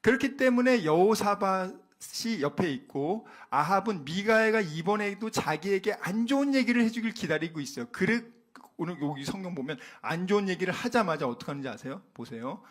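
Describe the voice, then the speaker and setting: A male pastor delivering an animated sermon in a church. His voice sits high and leaps wildly in pitch as he dramatizes the speakers he describes. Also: brisk, hardly any pauses. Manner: animated preaching, acting out biblical dialogue. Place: church sanctuary.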